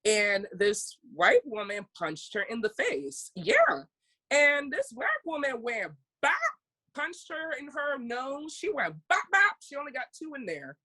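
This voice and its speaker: A woman co-hosting a casual podcast, with a voice a little higher than most. She tells her stories in a blunt, candid way and swears freely. Her talk is loose and unscripted. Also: very animated, a little slow, sharp tone, low-quality recording. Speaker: podcast co-host.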